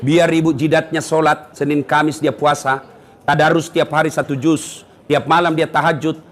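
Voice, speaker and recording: At a moderate pace and on the high side, a middle-aged preacher jokes his way through a sermon. He pokes fun at the congregation in a lively way, calling out to people directly.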